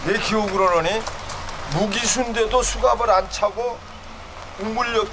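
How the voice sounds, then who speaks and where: A man in his seventies answers questions outdoors at an old prison site, remembering slowly and haltingly. His voice sits a little high. Loud traffic rumbles behind him. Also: steady tone. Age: 70s. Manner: halting, reminiscing. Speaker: bereaved interviewee. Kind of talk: interview.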